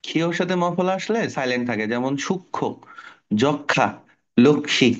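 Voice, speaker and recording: A man's voice: on the high side, brisk, lo-fi sound. A middle-aged man teaching an online spelling class to children, explaining patiently and asking the class questions.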